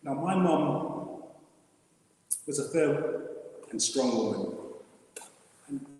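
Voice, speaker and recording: A middle-aged man giving his mother's funeral eulogy, halting and rambling, emotional and trying to hold it together. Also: a little high, lively intonation, darkish tone. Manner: halting and rambling, restarts a lot. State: emotional, holding back tears. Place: crematorium chapel. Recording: echoey chapel, heard from far off.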